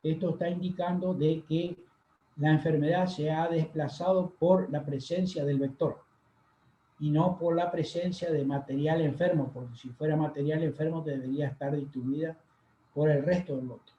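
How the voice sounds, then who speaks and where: A man giving a university lecture over slides, unhurried and full of fillers and pauses. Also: on the high side, fairly even intonation, mellow, slight background noise. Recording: echoey room, dull lo-fi sound.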